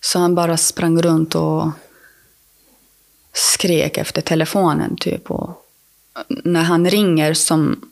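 A woman guest on a podcast telling a personal story in a casual, rambling way, often restarting her sentences and filling pauses. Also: low voice, flat delivery, creaky.

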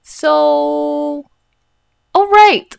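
A woman's voice: high voice, drawn-out words, creaky, a little mellow, dry recording. A woman co-hosting a podcast, telling a story in a dry, mock-formal, gloomy-humored way. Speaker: podcast co-host. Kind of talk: casual chat, storytelling.

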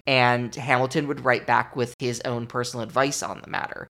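A man's voice: mid-range voice, creaky, a bit bright. A man hosting a history podcast, talking in a casual, wry, chatty way with side remarks. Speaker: podcast host.

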